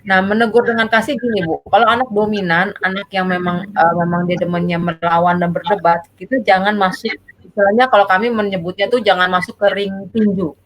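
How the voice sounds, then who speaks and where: A woman's voice: mid-range voice, steady tone, fairly quick, rough recording. A woman child psychologist, giving parenting advice in a casual talk and explaining patiently with frequent tag phrases. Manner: explains patiently, keeps repeating "gitu ya".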